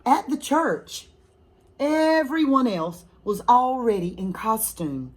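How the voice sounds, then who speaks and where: Reading a children's picture book out loud, this woman teacher keeps a slow, expressive delivery and breaks off to question her young listeners. Her voice leans high and carries plenty of expression.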